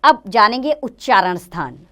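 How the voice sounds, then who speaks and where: A woman teacher giving a grammar lesson to children, slowly sounding out letters one by one. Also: medium pitch, animated, a bit bright, muffled recording.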